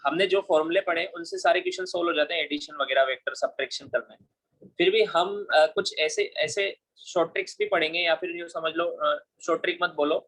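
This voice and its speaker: With a fairly high, slightly bright voice and a brisk pace, a man teaches physics to a class. English terms slip into his lecture, and he frequently asks "understood?" to make sure students are keeping up.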